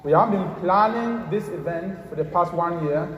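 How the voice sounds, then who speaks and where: High-voiced man welcoming an event crowd. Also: moderate pace, highs cut off. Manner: humble, grateful, informal. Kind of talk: welcome speech. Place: large event hall stage. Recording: echoey event hall, audience noise.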